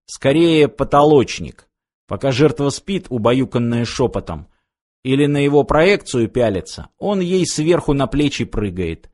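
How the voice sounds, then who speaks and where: A man voicing a calm male sniper in an audiobook, speaking in a level, matter-of-fact, wry way. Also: mid-range voice, unhurried.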